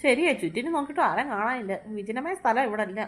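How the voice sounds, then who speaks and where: A woman's voice: a little high, expressive, fast talker, a bit bright, soft background music. A woman playing a worried elderly grandmother in a kids' drama, anxious and full of exclamations. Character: worried elderly grandmother, fretting over the children. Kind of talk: Malayalam kids' fan drama.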